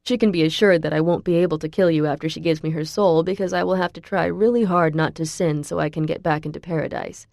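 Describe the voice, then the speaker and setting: Sadistic male villain, as a woman reads him, smooth, mocking, sugary, low-pitched, dry. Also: steady tone, fast talker, few pauses, darkish tone, no room sound. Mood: gloating. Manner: smooth, mocking, falsely sweet. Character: giggling sadistic male fallen angel villain.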